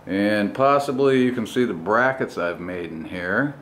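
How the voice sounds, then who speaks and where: A man giving an informal walkaround commentary, unhurried, in broken phrases with pauses, like a hobby mechanic on a handheld camera in a garage. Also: fairly low pitch, animated, fairly bright tone. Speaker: motorcycle vlogger, home mechanic. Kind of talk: casual walkaround commentary on custom bike work. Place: home garage with open door. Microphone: handheld camera mic. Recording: noisy handheld recording in a garage.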